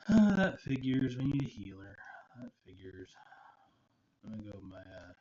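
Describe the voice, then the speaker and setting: In casual gaming chat, a man streams a video game and rambles, full of fillers and restarts. His voice is low, warm, and moderately paced, and the recording sounds muffled with faint noise.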